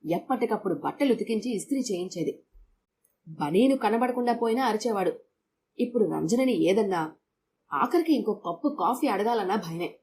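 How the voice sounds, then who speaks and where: A woman narrating a short story as a scripted audio reading, steady and expressive. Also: medium pitch, moderate pace, a little hiss or hum.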